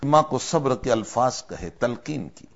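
A man preaching a sermon as a story, with emotive delivery that swells loud and then drops low. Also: expressive, highs cut off.

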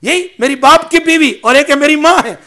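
High bright-voiced male preacher. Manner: mixes in English phrases; asks the audience questions. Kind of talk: religious sermon.

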